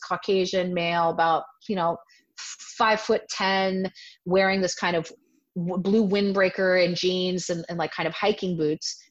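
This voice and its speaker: In an interview, a woman in her forties who teaches self-defense animatedly tells a personal story, often voicing quotes of herself. Her voice is on the low side, and the recording has a dull lo-fi quality.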